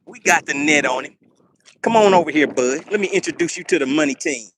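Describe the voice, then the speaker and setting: A man commentating a live fishing stream to his chat from a boat on a lake, excitable and teasing, laughing often. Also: fairly high pitch, fairly quick, a little hiss or hum.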